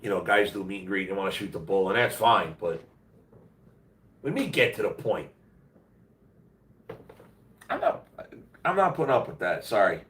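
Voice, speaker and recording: His voice sits low, with lively intonation, a slightly fast pace and a fairly bright tone. He's streaming a casual ramble from a roomy room at home, plain-spoken, slangy and blunt, while congested, nasal and worn out from being unwell. The recording is echoey, with a distant mic.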